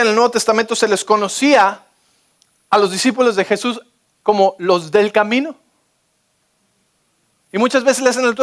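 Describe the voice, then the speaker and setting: High-voiced pastor preaching. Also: male voice. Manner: energetic, keeps checking in with the audience. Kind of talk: sermon.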